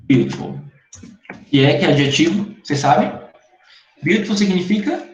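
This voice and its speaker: A man's voice: fairly high pitch, lively intonation, moderate pace. A man teaching an online English class in Brazilian Portuguese, explaining patiently and checking in with his students again and again. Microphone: computer mic in a video call. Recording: echoey, dull lo-fi call audio.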